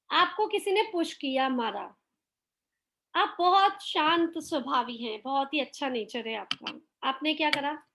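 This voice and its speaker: A woman's voice: high-pitched, fairly bright tone. A middle-aged woman teaching a live online class who keeps putting questions to her listeners and acts out everyday quarrels as she explains. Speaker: motivational teacher.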